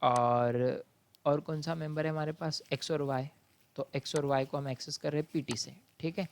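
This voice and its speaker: A man from India, a college lecturer teaching programming, who explains patiently step by step, calls his students "beta" and reads exam questions out slowly. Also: a little high, steady tone, a little hiss or hum.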